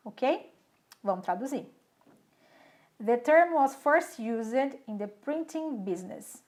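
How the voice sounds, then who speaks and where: A woman from Brazil gives an online English lesson. Her voice sits a little high, and she walks through the grammar step by step. She slows down whenever she reads English sentences aloud. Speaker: English teacher.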